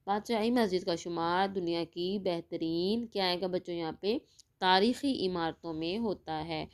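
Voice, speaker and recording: A woman's voice: on the low side, clear, resonant tone. A woman teacher giving a recorded lesson, asking the class questions and then answering them herself. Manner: stretches out words slowly when spelling. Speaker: school teacher.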